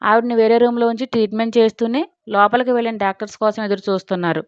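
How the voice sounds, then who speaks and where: A woman narrating a romantic audio story in a steady, dramatic reading style. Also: fairly high pitch, fast talker, dry recording. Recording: dry, slightly dull recording.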